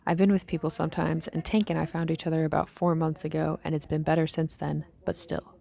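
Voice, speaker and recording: A woman playing a weary young survivor recording an apocalypse audio diary, speaking in a low-key, halting way with breathy tail-offs. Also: little pitch movement, dark tone. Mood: somber, nostalgic. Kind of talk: scripted audio diary monologue, fiction drama.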